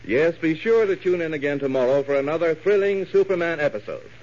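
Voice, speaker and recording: A man's voice: fairly high pitch, expressive, a little fast, a little mellow. A man announcing in an emphatic, promotional 1940s old-time radio announcer's style. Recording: muffled, faintly noisy vintage radio recording.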